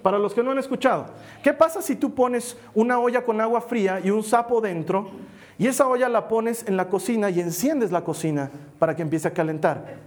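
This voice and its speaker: High-voiced male pastor preaching. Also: a little fast, a little mellow. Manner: conversational, asks listeners for assent; plays out a story with small acted quotes. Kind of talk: sermon.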